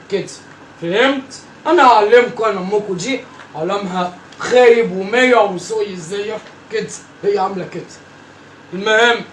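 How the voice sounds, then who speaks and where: A performer plays a nagging, teasing old grandmother with an Egyptian Arabic accent, scolding the kids in a comic sketch. Her medium-pitched voice is close to an everyday one, and she talks fast, repeating herself constantly. The sound is roomy and distant, with faint noise underneath.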